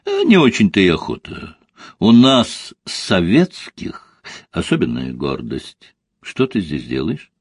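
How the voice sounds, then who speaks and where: A man voicing a sharp-tongued, hostile young pregnant woman in a read story, curt and scornful. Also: low-pitched, wildly swooping pitch, slow pace, slightly rough, no echo, clean studio sound, full character voice. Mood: haughty.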